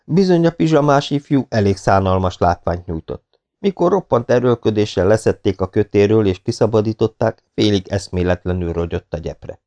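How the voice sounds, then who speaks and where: A man reading a novel aloud as audiobook narrator in a steady, measured way. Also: lowish voice.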